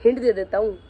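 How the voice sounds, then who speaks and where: A man's voice: sits high, lo-fi sound, slight background noise. A man vlogging, angrily confronting someone directly and threatening to reveal the truth about them. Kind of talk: angry vlog rant.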